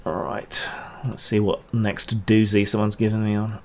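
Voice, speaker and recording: A man hosting a casual livestream Q&A. His voice sits fairly low, and he meanders through answers with frequent ums and a dry, offhand humour. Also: completely flat delivery, moderate pace, a little mellow, a little hiss or hum. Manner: rambling, hesitant with many ums, dry asides. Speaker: channel host answering chat questions.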